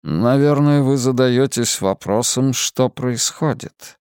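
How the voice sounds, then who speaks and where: A man voicing a mysterious masked man who hides in darkness, speaking slowly, quietly and evenly. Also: mid-range voice, smooth, dry recording, clean studio sound, close to an everyday voice. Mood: calm. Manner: slow, quiet, measured.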